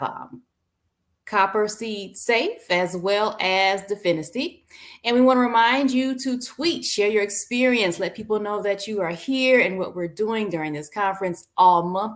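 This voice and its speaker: Woman reading out sponsor announcements. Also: medium pitch. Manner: announcing with filler phrases. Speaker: event host. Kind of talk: conference announcements.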